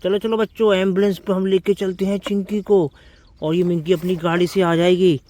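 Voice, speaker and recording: A man excitedly narrating toy car play for children, calling out to the kids and making vehicle sounds with his mouth. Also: high voice, normal speed.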